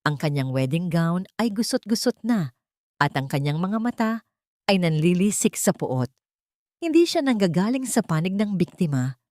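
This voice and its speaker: At a normal pace, a woman with a Filipino accent brings a very animated, lowish, slightly mellow voice to her audiobook narration of a scripted dramatic story. Clean, dry studio sound.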